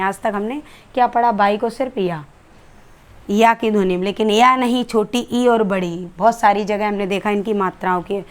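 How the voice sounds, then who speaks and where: In a classroom-style lesson, a woman English teacher with an Indian accent walks through letter sounds step by step, posing rhetorical questions along the way. Her voice sits at a medium pitch.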